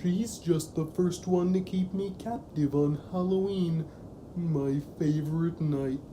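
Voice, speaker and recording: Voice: mid-range voice, takes it slowly, mellow, a little hiss or hum, close to an everyday voice. An actor in a comedic audio drama playing an ancient evil pumpkin-headed monster, melodramatic, sulky and sentimental, with theatrical self-pitying speech.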